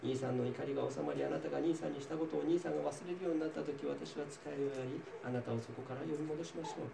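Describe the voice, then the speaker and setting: A man's voice: on the high side, fairly even intonation, racing, gravelly, distant mic. A man reading the lines of an anxious mother who urges her son to flee. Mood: urgent. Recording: roomy, voice from off-mic, faint noise.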